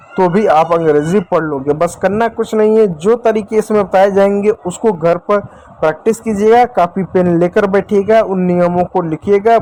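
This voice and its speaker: A man's voice: high-pitched, a little mellow. A man teaching a beginner language lesson to children, repeating his points and stretching out letter sounds. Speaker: English teacher. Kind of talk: classroom-style lesson.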